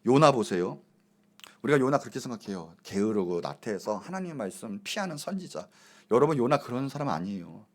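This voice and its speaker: A middle-aged male pastor preaching a sermon, emphatic and animated, with casual asides. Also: medium pitch, a little fast.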